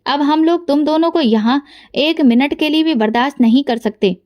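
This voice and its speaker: A woman's voice: high-pitched, moderate pace, a little mellow, natural voice. A woman voicing a cruel, domineering man who orders people out harshly and scornfully. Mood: harsh scorn.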